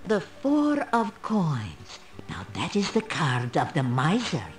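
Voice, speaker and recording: Old female fortune teller, video game character, slow solemn delivery, sweeping intonation, mysterious, proud. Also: deep voice, huge pitch swings, faint music behind, heavily acted.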